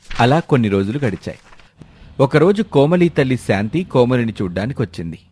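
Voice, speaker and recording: A man's voice: medium pitch, very animated, brisk, a little mellow, slightly rough. A man narrating a folk story in a scripted storyteller's lilt.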